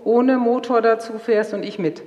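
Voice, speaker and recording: A woman's voice: fairly high pitch, moderate pace, dull audio. A middle-aged woman telling stories from her marriage and family to an audience, acting out the quoted dialogue. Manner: lively storyteller, acts out quoted dialogue. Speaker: speaker sharing marriage stories. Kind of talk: storytelling talk to an audience. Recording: roomy hall with long reverb.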